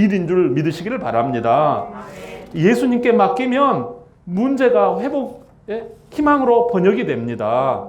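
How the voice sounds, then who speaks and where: Middle-aged pastor guy preaching hard, kinda high voice, acts out the characters. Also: lo-fi sound. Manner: emphatic preaching, acts out quoted voices with rising pitch. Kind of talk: sermon.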